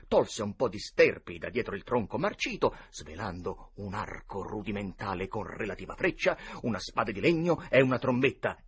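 Husky guy narrating a kids' classic, up and down, lively. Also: fairly low pitch. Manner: animated, dramatic. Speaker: audiobook narrator. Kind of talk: expressive storybook narration.

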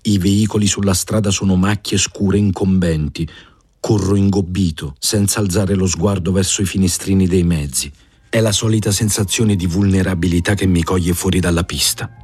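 A man giving a measured, even first-person reading of a novel for a radio audiobook. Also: low-pitched, husky. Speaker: audiobook reader.

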